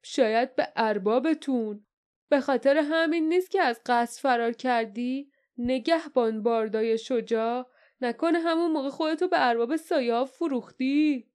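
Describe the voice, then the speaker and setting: Woman playing a spiteful schemer man, sneering, eager, needling, raised pitch, audiobook. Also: a little mellow, clean tone, lightly acted. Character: sly, spiteful small-eyed male accuser.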